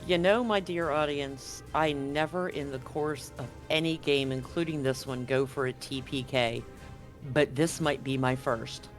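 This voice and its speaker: A game master runs a live tabletop horror game from home, relaxed and joking until he slows into measured, vivid narration for the scene. His voice sits in the mid-range, and faint music plays in the background.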